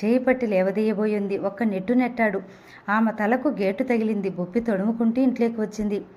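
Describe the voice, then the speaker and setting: A woman reading an audio novel aloud as its narrator, in steady storytelling. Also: medium pitch, brisk. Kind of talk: scripted narration.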